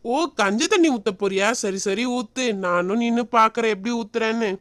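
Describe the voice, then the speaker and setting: A woman's voice: on the high side, normal speed, a bit bright, close to an everyday voice. A woman voicing a mischievous, boastful young boy in a doll-play skit. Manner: boastful, then pleading.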